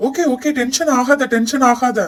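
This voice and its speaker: A woman's voice: sits high, fairly even intonation, normal speed, recorded from a distance, pitched below the performer's own voice, lightly acted. Woman doing a coaxing schoolboy peacemaker. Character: easygoing schoolboy Abdullah. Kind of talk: doll show role-play.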